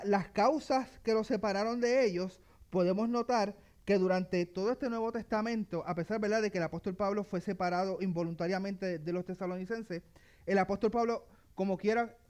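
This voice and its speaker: A man preaching a sermon to his congregation, talking in a halting way with many fillers and restarts. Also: high-pitched, darkish tone.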